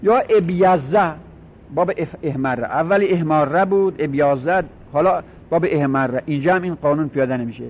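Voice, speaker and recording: A man teaching a grammar lesson, patiently repeating and drilling example words as he explains each rule step by step. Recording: dull lo-fi recording with faint rumble.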